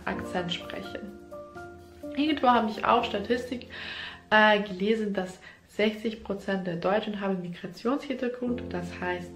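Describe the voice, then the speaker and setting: A woman teaching a language, explaining things casually and speaking straight to the viewer. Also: medium pitch. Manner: conversational, talks straight to the viewer. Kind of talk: casual explanatory video lesson. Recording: roomy echo with background music. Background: instrumental music.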